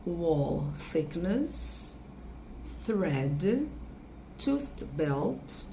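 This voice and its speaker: A Brazilian woman teaching English pronunciation, drilling words with deliberate, exaggerated repetitions. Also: on the low side. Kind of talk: pronunciation lesson.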